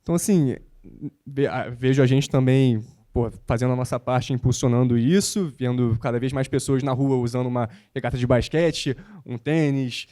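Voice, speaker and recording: A young man from Rio de Janeiro, speaking as a guest on a panel and talking in an animated, motivational, slangy way. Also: medium pitch, normal speed. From born in the United States, raised in Rio de Janeiro. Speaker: guest, basketball content creator. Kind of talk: panel talk on stage.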